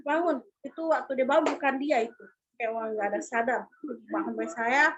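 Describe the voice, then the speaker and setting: A woman giving an earnest, halting personal testimony, repeating herself as she speaks. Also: sits high, a bit bright. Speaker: church member giving a testimony. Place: abroad, in China. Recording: lo-fi dull sound.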